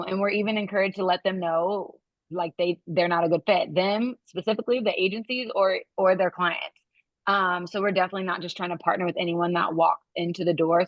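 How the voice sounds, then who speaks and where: A woman sales rep calmly explaining her work on a webinar panel over a video call. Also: fairly low pitch, no room sound. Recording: dry, dull lo-fi call audio.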